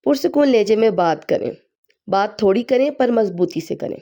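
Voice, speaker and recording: A woman with a slightly hoarse voice from a sore throat, calmly explaining parenting advice point by point in a home vlog. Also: medium pitch. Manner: calm, explanatory advice-giving, pausing on numbered points. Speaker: parenting vlogger.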